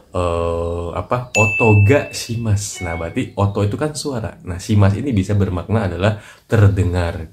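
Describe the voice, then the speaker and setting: A man teaching in a casual, chatty way, trailing off softly at the ends of his lines. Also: deep voice. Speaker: Japanese language teacher. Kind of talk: casual lesson in short clips. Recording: noisy recording with clicks.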